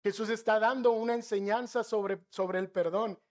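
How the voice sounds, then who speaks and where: A middle-aged man with a northern Mexican accent preaching a sermon, telling stories with asides to the congregation and slowing down to stress key phrases. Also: sits high, fairly even intonation, a little mellow. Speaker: pastor.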